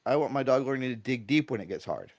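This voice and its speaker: A man's voice: medium pitch, fast talker. A middle-aged man, a dog trainer guest on a podcast, talking in a casual, rambling way. He keeps checking in with "right?" and acts out little quoted lines as he tells stories. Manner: animated storyteller who acts out quotes.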